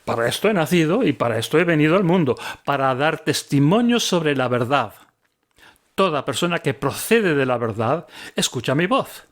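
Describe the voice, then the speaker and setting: A man voicing a calm prophet in a Bible reading, speaking in a measured, solemn way. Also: fairly high pitch.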